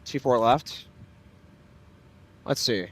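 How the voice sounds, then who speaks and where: A man's voice: mid-range voice, drawn-out words. A man livestreaming a flight simulator, talking casually and hesitantly as he thinks aloud. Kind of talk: casual livestream commentary with pilot radio calls.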